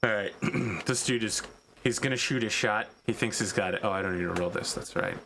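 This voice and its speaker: A man acts as game master, narrating a tabletop game in a casual way. His voice sits a little low, and faint noise runs behind it. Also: a little fast, gravelly, bright, forceful tone.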